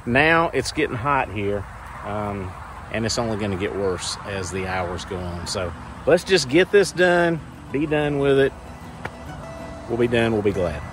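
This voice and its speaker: A man's voice: lowish voice, very animated, unhurried, over music. A man in his forties, chatty and folksy, vlogging on his farm while holding his phone at arm's length outdoors. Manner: folksy, chatty, repeats himself. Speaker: homesteading vlogger. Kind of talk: casual vlog narration. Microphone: phone held at arm's length.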